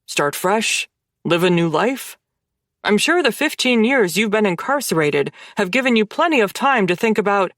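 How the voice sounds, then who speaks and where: A woman's voice: mid-range voice, expressive, normal speed, a bit bright, no echo, studio quality, close to an everyday voice. A woman voicing a nervous, formal male TV reporter.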